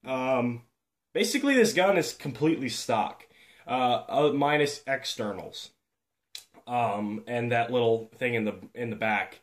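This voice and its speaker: A man giving a casual show-and-tell vlog about his airsoft gun, rambling and halting with lots of fillers and restarts, easygoing and self-deprecating. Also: mid-range voice, slight background noise.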